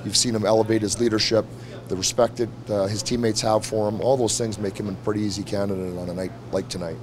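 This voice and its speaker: With a steady tone and quick delivery, a middle-aged head coach talks low over background noise in an arena press room before a team backdrop. At this postgame press conference, reporters hold several handheld mics close, and he replies bluntly and frankly, repeating himself.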